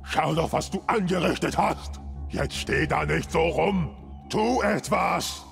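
A man's voice: on the high side, slow, vocal fry, fairly bright tone, soft background music, exaggerated voice. A man voicing a big, menacing dragon demon in a video game, scolding theatrically. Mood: pained fury.

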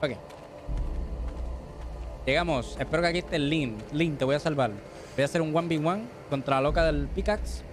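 A man's voice: a little high, moderate pace, long pauses, background noise. A man giving live gameplay commentary as a streamer, joking, tossing in English words and yelping when startled. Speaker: gaming streamer.

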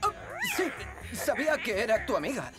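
A jittery cave boy in a cartoon dub, high and swooping, shrieking in dramatic fright over loud background music. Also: very animated, normal speed. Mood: anxious. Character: nervous cautious cave boy, dramatic worrier. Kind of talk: Spanish cartoon dubbing.

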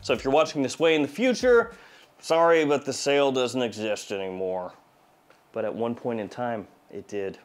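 A fragrance channel host in his forties speaks in a mid-range voice at a moderate pace, a slight head cold audible. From his small indoor studio he gives a casual product review, joking around with wry asides.

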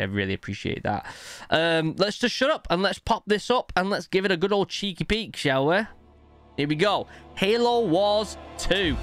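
A young adult man hosts a reaction video from a home studio, chatting informally and eagerly into a close desk microphone on an arm. His mid-range voice is smooth and a bit bright, with no room sound.

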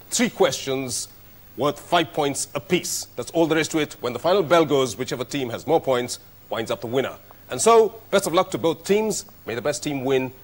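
A middle-aged man hosting a TV quiz show, speaking in a formal, measured way with clear diction. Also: fairly high pitch. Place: TV studio set. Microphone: lapel mic.

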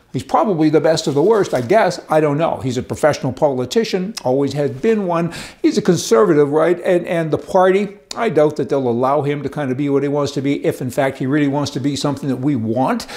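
Here an older political commentary host speaks straight to camera, sarcastic and conversational, while working from papers in a studio with wooden paneling behind him. His voice is fairly high, and its tone leans dark.

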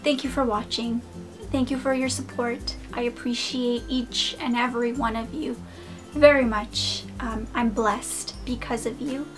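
A woman vlogger chatting casually to her viewers, gushing and fast-talking. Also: a little high, fairly even intonation, over music. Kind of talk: casual haul video talk. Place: home room.

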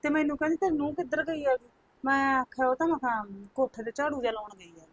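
An actress playing a talkative mother-in-law in a village home, speaking with a Punjabi accent in a brisk, storytelling manner. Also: high voice, steady tone, no echo, natural voice. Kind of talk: village comedy skit.

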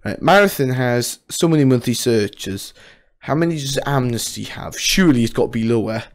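A man's voice: mid-range voice, animated, moderate pace, soft background music. A young man hosting a casual gaming challenge, exclamatory and self-mocking, speaking close to a studio mic. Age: young adult. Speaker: video host. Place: small room at home. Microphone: studio condenser mic with pop filter, close up.

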